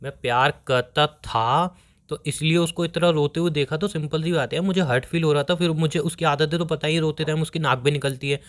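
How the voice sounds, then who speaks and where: A young man with a slightly raised pitch, talking around in circles to explain himself. He keeps begging to be heard out, defensive and flustered, in a staged comic phone argument. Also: fairly even intonation, a little fast, a bit bright. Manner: defensive, rambling, pleading to be heard. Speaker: boyfriend on a call.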